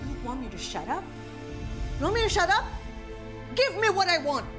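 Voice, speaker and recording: An actress playing a scheming, defiant, hot-tempered wife in a heightened TV melodrama, with a Filipino accent. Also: female voice, high-pitched, sing-song, moderate pace. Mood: menacing, demanding. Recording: dramatic music behind dialogue.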